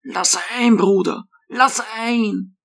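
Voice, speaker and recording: Audiobook: male reader doing a meek little old hermit, soft and high-pitched, gentle. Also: takes it slowly, creaky, full character voice. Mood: pleading. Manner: gentle, pleading, soft-spoken. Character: meek tiny hunchbacked old hermit man. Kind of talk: audiobook reading.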